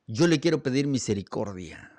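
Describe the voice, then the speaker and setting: A man voicing a humble condemned man, speaking calmly and with resignation, low and quiet. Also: normal speed, dry recording, lightly acted.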